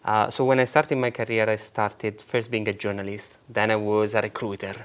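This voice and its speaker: A man in his thirties from Italy with an Italian accent, a guest telling his story in a lively, animated way in a casual interview. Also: on the low side, normal speed, clear, resonant tone. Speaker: guest, marketing agency founder.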